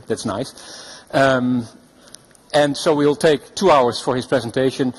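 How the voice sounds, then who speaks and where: Husky man introducing a speaker. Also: mid-range voice, low-quality recording. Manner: measured, hesitant, with many fillers. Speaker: event moderator.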